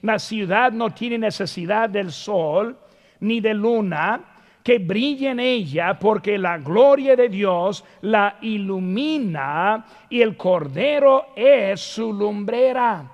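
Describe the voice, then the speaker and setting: A male pastor preaching a sermon, emphatic, repeating key phrases and swinging between loud calls and hushed words. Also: high voice, lively intonation, slow pace, in a large hall, highs cut off. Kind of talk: Spanish-language sermon. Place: church sanctuary.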